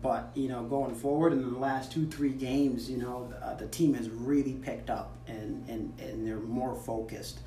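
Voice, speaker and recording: A man's voice: mid-range voice, steady tone, moderate pace, few pauses, dark tone. A man in his thirties, from Africa, chatting easily as a soccer player in a casual interview, with many "you know" fillers. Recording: roomy, distant mic with faint noise.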